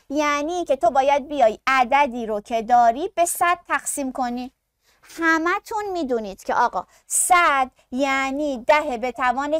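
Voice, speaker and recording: A woman's voice: high-pitched, fairly bright tone, no room sound, studio quality. A woman teaching a science lesson who asks the class questions, answers them herself, and speaks to her students affectionately. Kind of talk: classroom lecture.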